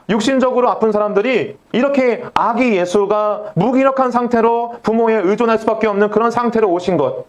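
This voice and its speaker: Male pastor, middle-aged, high-pitched preaching voice, rhetorical questions aimed at the pews. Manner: rhetorical questions, addresses congregation directly; acts out quoted voices within the sermon. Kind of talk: sermon.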